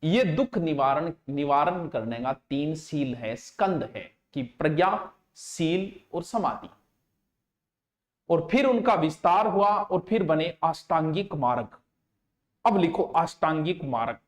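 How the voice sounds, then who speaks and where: A man giving an exam coaching lecture in a fairly high voice. He speaks emphatically and repeats terms slowly so students can take notes. The voice bounces around a roomy, echoing space. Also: expressive. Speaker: teacher. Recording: roomy echo.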